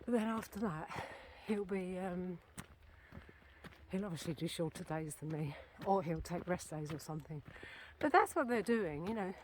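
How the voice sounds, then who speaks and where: A woman's voice: fairly low pitch, animated, normal speed, a little hiss or hum. A woman from Britain chatting casually to her camera while walking outdoors, rambling and correcting herself, a little out of breath. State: a bit out of breath. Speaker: walking vlogger. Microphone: handheld camera.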